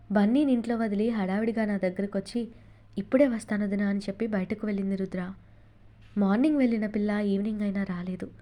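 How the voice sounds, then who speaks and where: A worried older sister-in-law in a novel read aloud, her voice quiet, a touch lower and subdued, as a woman reader puts her on. The color is warm and mellow. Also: close to an everyday voice.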